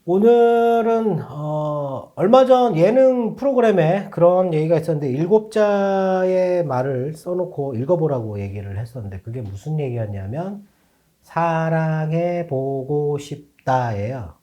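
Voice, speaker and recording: A man's voice: fairly high pitch, expressive, normal speed, few pauses, warm tone. A man working as a stock market analyst explains the day's trading on a finance show, reasoning aloud and often restarting or repeating phrases.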